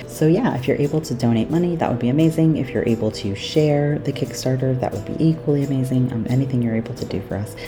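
A woman podcast host reading mid-roll announcements in a relaxed, chatty way full of ums, recorded at work away from her usual setup in lower-quality audio. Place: workplace, not the usual studio.

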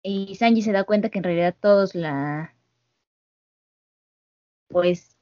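A woman's voice: medium pitch, slow pace, darkish tone, no echo. Woman, podcast host, casual recap, laughing, dry, muffled call sound. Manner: laughs often, acts out lines. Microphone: online call mic. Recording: slightly dull, dry call audio.

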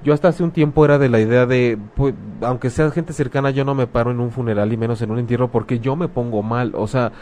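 This Mexican-accented man talks fast with barely a pause, his mid-range voice steady and somewhat dark. He hosts a casual advice chat bluntly, full of slang and acted-out quotes, over a faint hiss or hum.

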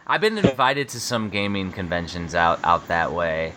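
An American man in his thirties, a podcast host and book publisher from the United States, hosts a casual interview with a crowd audible behind him. His voice is low and sing-song at a normal speed, and he rambles in a laid-back way, full of fillers and laughter.

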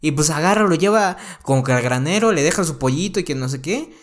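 Slangy Mexican man, fairly high voice. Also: quick pace. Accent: Mexican Spanish. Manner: slangy, profane, animated retelling. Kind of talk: casual chat.

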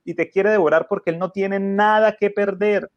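A man's voice: high-pitched, fairly even intonation, normal speed, no echo, dull audio. A man preaching earnestly, asking his listeners rhetorical questions. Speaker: pastor. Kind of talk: radio Bible study preaching.

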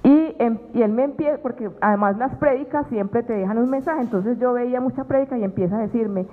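A woman giving an earnest, reflective faith testimony in a halting way, often restarting her sentences. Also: fairly high pitch, faint music behind. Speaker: guest sharing a faith testimony. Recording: tinny phone-like radio sound with long reverb.

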